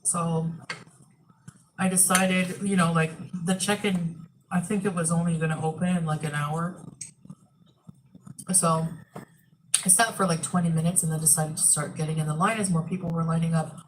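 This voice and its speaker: A woman with a slightly low voice chats casually to her audience, rambling through a personal story and acting out little exchanges. Faint noise and small clicks sit behind her. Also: little pitch movement, moderate pace, pauses often, rough recording. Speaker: video host telling a travel story.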